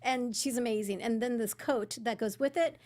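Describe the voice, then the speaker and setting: A woman's voice: fairly high pitch, moderate pace, a little mellow. A woman co-hosting a podcast in casual chat, bubbly and gushing. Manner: bubbly, gushing about fashion. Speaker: podcast co-host.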